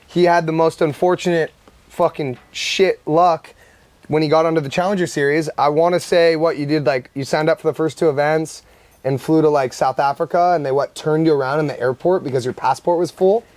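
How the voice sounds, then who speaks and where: Hyped socal surfer bro host, kinda high voice, dry sound. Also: male voice, fairly quick, no echo. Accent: Southern California. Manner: excitable, slangy, says bro and dude a lot. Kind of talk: casual chat.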